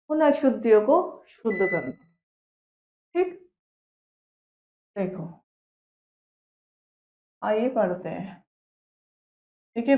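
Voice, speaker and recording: A woman teaching a grammar lesson to young pupils, speaking slowly, repeating each word and answering her own questions. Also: on the high side. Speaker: Hindi teacher. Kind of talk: classroom lesson for children. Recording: echoey room, tinny phone-like sound.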